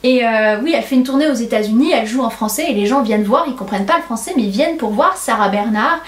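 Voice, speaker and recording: A woman's voice: fairly high pitch, quick pace. Enthusiastic woman host in an echoey room. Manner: lively, enthusiastic, amused. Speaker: podcast host, book club organizer. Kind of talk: casual book-review talk and reading aloud. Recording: roomy echo.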